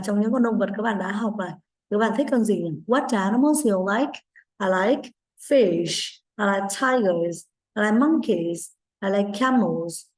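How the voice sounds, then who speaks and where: A woman teaching an English vocabulary lesson to children with a Vietnamese accent, modeling each word slowly and clearly for repetition. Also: mid-range voice. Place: online recorded lesson.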